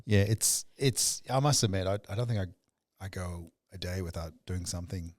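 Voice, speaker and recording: Male podcast host, slightly low voice, easygoing chat, dry close mic. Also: normal speed, no echo. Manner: relaxed, conversational, laughs along. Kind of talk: casual chat and read ad.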